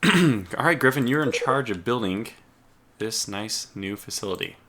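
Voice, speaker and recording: Here the same hoarse gamer clears his throat while commenting to himself on a strategy game, keys clicking in the background. His medium-pitched voice is animated, a bit bright, and a little slow.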